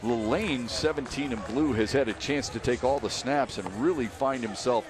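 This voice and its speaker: A man announcing a live football game play-by-play, measured between plays and rising to excited calls on the big ones. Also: mid-range voice, music in the background.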